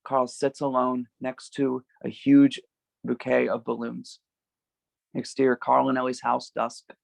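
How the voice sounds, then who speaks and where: A man speaks the screenplay directions at a table read in a monotone, keeping a measured pace. His middle-pitched voice has a creaky, gravelly texture, and the close, dry recording carries no room sound.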